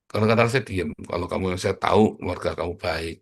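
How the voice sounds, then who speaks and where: A man's voice: low voice, brisk, vocal fry, husky. A middle-aged man preaching a sermon in a blunt, joking, provocative manner, addressing the congregation as brothers and sisters. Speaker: pastor.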